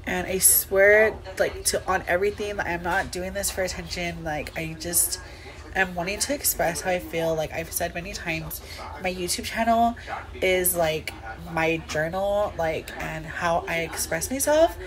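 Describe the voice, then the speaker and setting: A young woman vlogging to camera about her feelings, tearful and halting, full of fillers. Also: on the low side, a crowd in the background, poor audio. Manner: halting, emotional, filler-heavy with lots of "like". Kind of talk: confessional vlog to camera.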